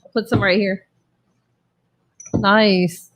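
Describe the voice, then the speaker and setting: A woman's voice: mid-range voice, fairly even intonation, takes it slowly, a bit bright, slight background noise. Woman co-host, upbeat, short reactions, trying out products. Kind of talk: casual talk show chat.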